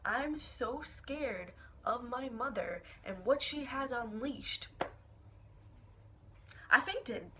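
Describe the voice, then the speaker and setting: A young woman vlogger telling an embarrassing personal story in a dramatic, expressive way, swearing casually and with lots of filler words. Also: a little high, takes it slowly, hardly any pauses, noisy background. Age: young adult. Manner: casual, profane, filler-heavy. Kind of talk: storytime vlog.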